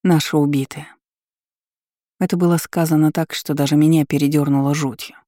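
A woman narrating a first-person fantasy audiobook in a calm, reflective storytelling manner. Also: deep voice, fast talker, no room sound, clean studio sound.

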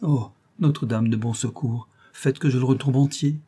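A timid, grieving orphan boy violinist from a storybook, pouring out his sorrow in an emphatic, lamenting voice, as a man reading the tale puts him on. The tone is dark and a little husky. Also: medium pitch, fairly even intonation, normal speed, pitched above the performer's own voice. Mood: hopeful.

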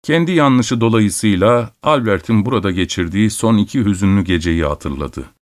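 Casting: male audiobook narrator, low, steady, measured reading.

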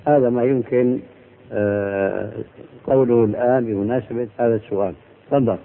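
A man explains religious rulings in a deliberate, teacherly way, pausing between phrases and pressing hard on key words. His voice sits in an ordinary middle register. The recording is thin and tinny, as if it came down a phone line. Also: medium pitch, steady tone, creaky, slight background noise. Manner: measured, deliberate explanation with emphatic rises. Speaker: religious scholar answering questions. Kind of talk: religious Q&A lecture.

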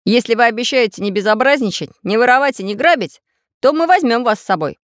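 Lady doing a friendly iron tinkerer guy, kinda high and upbeat. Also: animated, quick pace, no room sound, studio quality, lightly acted. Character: kind tinkering iron craftsman man.

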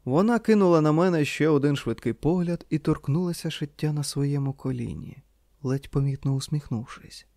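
A man narrating a literary audiobook in a calm, measured reading. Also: a little high, no room sound, clean studio sound.

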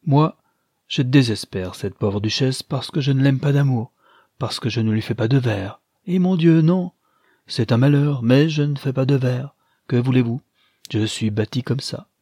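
A man's voice: medium pitch, steady tone, moderate pace, mellow, breathy edge, dry recording, clean studio sound, natural voice. A man voicing a burly, jovial middle-aged duke who talks with hearty emphasis.

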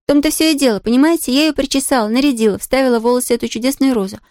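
A woman reading an audiobook, putting on the voice of a cheerful, eager little girl who talks brightly and pleads sweetly. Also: high voice, very fast, no echo, studio quality, voice pushed up, natural voice. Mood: earnest.

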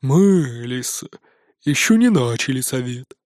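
Gruff, slow-spoken beast chief voiced by a man; commanding, storybook tone. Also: medium pitch, sing-song, a little mellow, dry recording, studio quality. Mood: stern. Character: stern male council leader beast.

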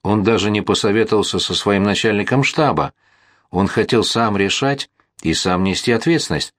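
A man narrating a historical novel as an audiobook, in a measured, steady storytelling manner. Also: fairly low pitch, no echo, studio quality.

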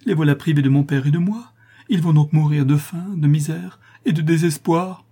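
A man's voice: medium pitch, normal speed, warm tone, breathy edge, close to an everyday voice. A man voicing a desperate young woman in an audiobook, crying out in anguish. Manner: pleading, anguished cries. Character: desperate young woman, daughter of a ruined artisan. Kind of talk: audiobook character reading.

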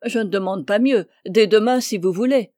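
Greedy bossy king, woman reading it, storybook, warm dry voice. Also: medium pitch, moderate pace, no echo, natural voice. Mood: commanding. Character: greedy widowed king, commanding and brusque.

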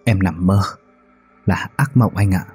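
A man with a husky voice voicing an anxious, grieving young woman who pleads through tears. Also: low-pitched, a little slow, a little mellow, soft background music, heavily acted. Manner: pleading, tearful.

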